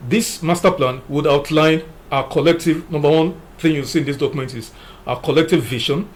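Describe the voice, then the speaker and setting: A man's voice: a little high, brisk. A man giving political commentary, emphatic, working through numbered points with frequent "you know" fillers. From Nigeria. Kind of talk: opinion commentary.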